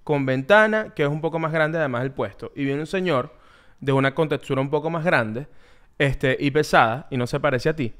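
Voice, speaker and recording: A man's voice: fairly high pitch, fairly quick, fairly bright tone, smooth. A man with a Venezuelan accent co-hosting a podcast, teasing and joking in casual chat. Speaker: podcast co-host.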